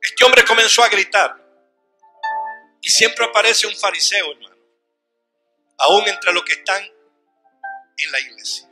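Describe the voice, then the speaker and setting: Fervent male preacher, high and very bright, shouts his refrains over faint music. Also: animated, a little slow, pauses often, rough recording. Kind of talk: sermon.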